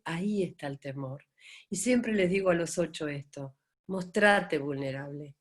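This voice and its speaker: Animated Argentine woman teaching. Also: medium pitch. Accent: Argentine Spanish. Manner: animated, acts out quoted voices, asks rhetorical questions. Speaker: Enneagram teacher. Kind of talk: live-streamed talk to viewers.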